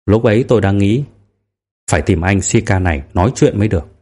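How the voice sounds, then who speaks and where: Guy doing a low-voiced veteran cop in an audiobook, middle-aged, calm and probing. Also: close to an everyday voice. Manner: measured, quietly probing. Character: veteran male police detective, probing yet tolerant. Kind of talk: audiobook character reading.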